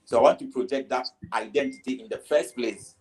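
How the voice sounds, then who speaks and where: A man's voice: mid-range voice, fairly even intonation, a little fast, a little mellow, poor audio. A Ghanaian man with a Ghanaian accent, a reggae artist answering interview questions in a casual way, often saying "you know" and stumbling over repeated words.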